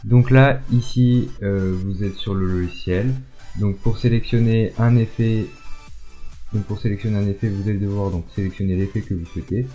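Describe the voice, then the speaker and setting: A man presenting a step-by-step software tutorial, with hesitant, repetitive phrasing. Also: on the low side, fairly even intonation, moderate pace. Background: background music.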